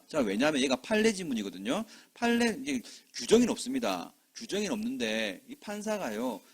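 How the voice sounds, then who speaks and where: A male lecturer with a husky, slightly rough voice that rises and falls a lot. He talks his way through exam material and keeps asking his students whether they are following. Now and then he slips into short acted scenes with quoted voices. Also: a little high. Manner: lively, rhetorical questions, checks understanding often.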